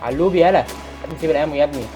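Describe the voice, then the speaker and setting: A young man with an Egyptian Arabic accent giving excitable gameplay commentary, often shouting at enemies. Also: fairly high pitch, racing, music in the background. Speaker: gaming YouTuber.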